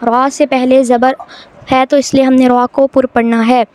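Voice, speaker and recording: A woman teaching Quran reading in a home video lesson, explaining step by step and drawing words out slowly. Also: high-pitched, level tone, darkish tone.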